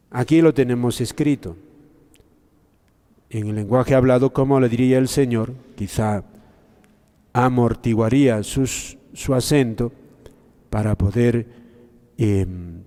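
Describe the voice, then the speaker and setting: A man delivers a slow, reflective Gospel commentary in a sermon style. His voice is dark and mellow, and it sits in a room with a long, ringing reverb. He pauses often and turns to speak straight to his listeners. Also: mid-range voice. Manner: addresses listeners directly.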